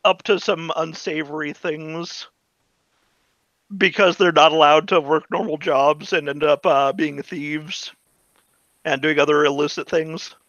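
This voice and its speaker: A man with a fairly high, bright voice runs a tabletop game, casually narrating and giving rulings. He sounds forceful, in a dry, slightly dull recording. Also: steady tone, a little slow, no room sound. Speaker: game master.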